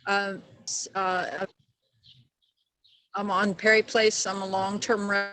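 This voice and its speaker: A woman on a video call introducing herself as a neighborhood resident in halting, broken-off phrases, her audio garbled and cutting in and out. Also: medium pitch, level tone, low-quality recording. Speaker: neighborhood resident at a community meeting.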